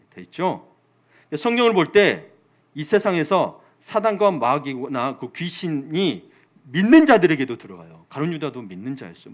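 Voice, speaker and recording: A male pastor delivering a Sunday sermon in church, quizzing his listeners and answering his own questions. His voice sits a bit high and swings widely in pitch as he preaches. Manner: lively preaching, asks the congregation questions and answers them.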